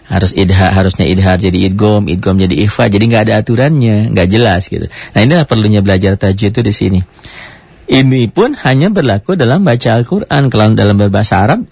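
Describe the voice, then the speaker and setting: A man with a fairly low voice teaches a recitation lesson. He talks through each point in a patient, explanatory way and slows down to demonstrate examples. The sound is dry and a little muffled. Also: a little mellow, husky, dry recording. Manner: explains step by step with many "gitu" tags, slows to recite examples.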